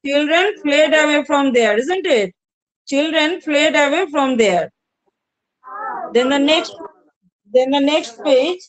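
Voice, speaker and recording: A woman's voice: sits high, expressive, slow, pauses often, low-quality recording. A woman teacher with an Indian English accent, explaining a story line by line to her students and repeating each point. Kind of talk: online class explaining a story.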